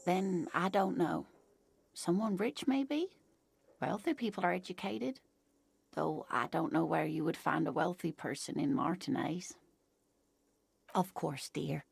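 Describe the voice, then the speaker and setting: Brief: motherly game woman, gentle, gravelly low voice, dry studio sound. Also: a little slow, pauses often, dry recording, full character voice. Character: kindly woman explaining history to a lost cop.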